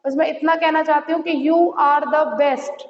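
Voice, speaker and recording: High-voiced woman teacher in an echoey room. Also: level tone, unhurried. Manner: mixes English phrases, repeats "theek hai" and "right?"; gives advice directly to students. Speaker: Hindi teacher. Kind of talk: online exam-prep lesson. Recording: echoey, dull lo-fi room sound.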